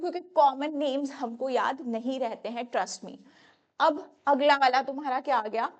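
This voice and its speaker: A young woman teaches chemistry for exam prep. She talks to her students in a chatty, familiar way and corrects herself as she goes. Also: on the high side. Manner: chatty, addresses students as "beta", self-correcting. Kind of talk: exam-prep lecture at a whiteboard.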